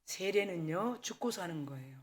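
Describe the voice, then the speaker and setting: A woman pastor preaching a sermon at a church service, telling candid personal stories in a lively way and acting out the dialogue. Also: lowish voice, moderate pace. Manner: candid, animated storytelling with acted-out dialogue.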